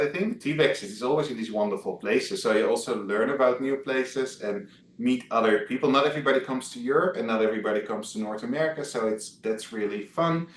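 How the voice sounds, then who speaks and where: Speaking at medium pitch in a room with echo, this man from the Netherlands has a Dutch accent. He's a travel blogger appearing as a guest over video call, chatting hesitantly with frequent fillers and restarts.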